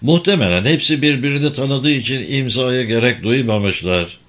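A man voicing a calm, formal male intelligence officer giving a briefing in a spy audiobook. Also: mid-range voice, normal speed, natural voice.

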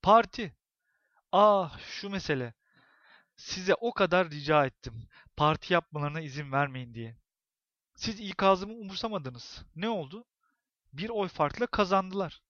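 A man's voice: sits high, expressive, measured pace, no echo, muffled recording, pitched above the performer's own voice. A man putting on an unhinged, menacing neighbor woman. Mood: stern warning. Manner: theatrical, ominous, rising to shouts.

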